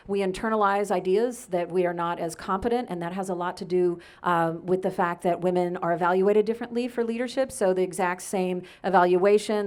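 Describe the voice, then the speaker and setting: A woman academic on a panel, talking briskly in a lecturing way and citing research and dates. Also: lowish voice, a little mellow. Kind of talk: panel discussion. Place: event panel before an audience.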